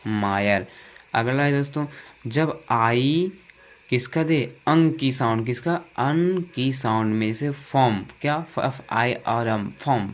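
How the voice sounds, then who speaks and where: Man with a Hindi accent, drilling sounds. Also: mid-range voice. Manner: repetitive call-and-response drilling, asks and answers himself. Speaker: English teacher. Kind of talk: lesson on English vowel sounds.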